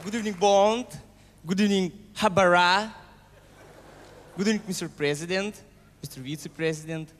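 A young man playing a gracious British queen, making a formal, measured comedy speech into a handheld mic. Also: high voice, fairly bright tone. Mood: regal, sly. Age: young adult. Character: gracious female British queen in comic drag. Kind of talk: live sketch comedy speech. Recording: echoing hall, noisy crowd.

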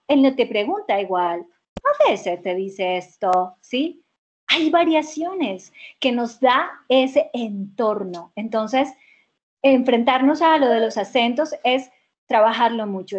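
A woman teaching a dubbing workshop, answering questions emphatically and repeating key words. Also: on the high side. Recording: muffled video call audio.

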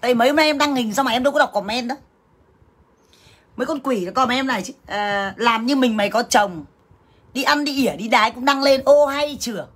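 Woman ranting on a livestream, swearing nonstop, telling off her haters, voice a bit high. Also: fast, a bit bright, slightly rough. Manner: crude, profane, scolding; talks straight to viewers as sisters. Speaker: livestreamer addressing viewers. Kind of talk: angry livestream rant.

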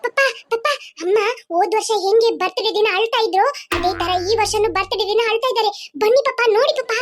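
[name], a woman doing a very high pleading kid. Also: fast, over music. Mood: insistent. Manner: pleading, repeats mom and dad. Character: pleading little kid, chatty and stubborn. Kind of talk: cartoon voice acting.

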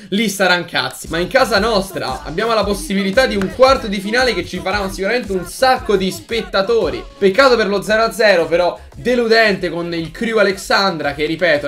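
A man giving gameplay commentary, keeping his voice low late at night and breaking into exasperated outbursts and muttered swearing. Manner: talks quietly late at night. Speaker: gaming YouTuber.

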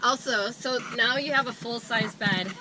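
A woman in her thirties with a smoker's rasp from a cold, giving a casual, chatty explanatory vlog tour inside a van. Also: medium pitch, unhurried. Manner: informal, chatty, self-deprecating asides. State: congested with a cold. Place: inside a small camper van, doors open. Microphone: camera mic within a few feet. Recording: noisy handheld action-camera audio inside van.

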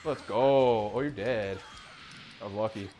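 A man commentating live over his own ranked fighting game matches, excitable and profane, dropping to mutters and then yelping at big moments. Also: lowish voice, unhurried, a little hiss or hum. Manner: excitable, swings between mutters and sudden yelps; profane trash talk at his opponent. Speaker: gaming streamer. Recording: game music loud behind voice.

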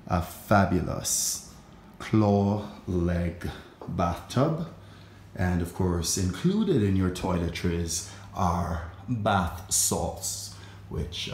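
A man's voice: low-pitched, dark tone, a little hiss or hum. A man giving a walkthrough tour of a resort villa, chatting in a sales-patter style with playful jokes on the side. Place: walking through a resort villa, indoors and out.

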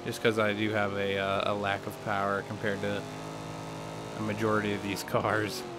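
His delivery completely flat and his voice on the low side, a young gaming YouTuber with a cold-scratched throat chats at a moderate pace while racing in a game. Lots of fillers fill the casual let's play, which has music and loud game car noise behind his voice.

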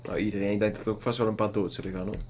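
A man's voice: on the low side, flat delivery, very fast, a little mellow, slight background noise. A man giving casual let's play commentary, chatty and jokey, teasing the game's characters. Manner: jokey, chatty, mocking the game. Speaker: gaming YouTuber.

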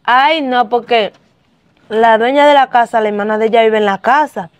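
A woman's voice: a little high, normal speed, no echo, lightly acted. A woman playing a friendly, chatty woman looking for a house to rent. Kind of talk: amateur drama acting.

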